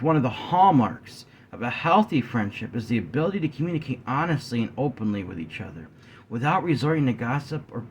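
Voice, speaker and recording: A man vlogging a sincere talk to his viewers, often clearing his throat and slowing down to stress key points. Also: medium pitch, slight background noise. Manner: earnest, addresses viewers as guys; frequent throat clearing, yawning. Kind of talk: talking-head discussion to viewers.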